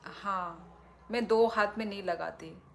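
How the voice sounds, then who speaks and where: A woman's voice: mid-range voice, slow pace, gravelly. A young woman from Tripura chatting casually on a livestream while reading comments, with a blunt tone that can sound like scolding. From Tripura, India. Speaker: livestream host.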